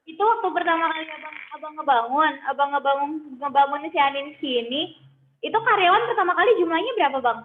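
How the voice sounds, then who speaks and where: A woman interviews someone over a phone line, keeping it casual with quick little replies. Her voice is high, and it comes through narrow and tinny, like a phone. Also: expressive, reverberant, a little hiss or hum. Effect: heard over a phone line.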